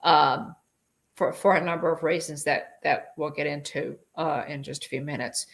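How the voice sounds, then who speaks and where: A woman's voice: low-pitched, steady tone, moderate pace, gravelly. A woman hosting a casual livestream chat, reading viewer comments and talking with lots of fillers and restarts. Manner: chatty, many fillers and restarts.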